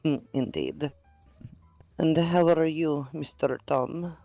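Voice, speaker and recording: A man's voice: fairly high pitch, slow pace, gravelly, warm tone, no echo, highs cut off, faint music behind. A man playing a courteous, self-deprecating townsperson who speaks formally and a little hesitantly in a role-play game. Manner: formal address, hesitant murmured agreement. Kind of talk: improvised in-character role-play chat.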